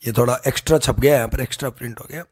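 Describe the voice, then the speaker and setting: A man teaching English vocabulary in a folksy way, repeating key phrases and slowing down to stress words. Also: medium pitch, a little mellow. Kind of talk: explanatory lesson with memory tricks.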